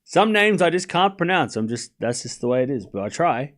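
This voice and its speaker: This young Australian streamer talks a little fast in a voice on the high side as he calls live tennis and chats with his audience. Relaxed and rambling, he reads chat aloud and responds, swearing now and then.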